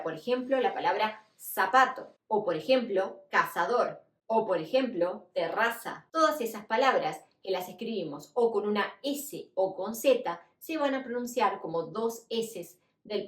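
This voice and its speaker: Latin American woman teaching, echoey room. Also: fairly high pitch. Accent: Latin American Spanish. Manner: clear, patient explaining with repeated examples. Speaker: Spanish teacher. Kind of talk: online language lesson.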